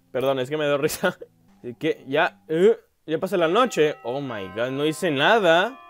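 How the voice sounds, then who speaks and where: A young male gameplay commentator with a slightly high voice rambles through a let's-play, using lots of fillers and letting out loud yelps whenever something startles him.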